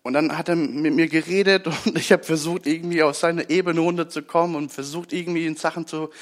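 A man preaching a sermon in a conversational way, often asking his listeners for agreement and dropping to a soft voice on key points. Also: on the high side, steady tone, brisk.

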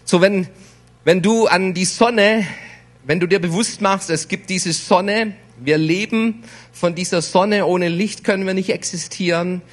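A man delivers a sermon with a high-pitched voice. He speaks slowly and deliberately. He leans on repeated words for weight. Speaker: preacher.

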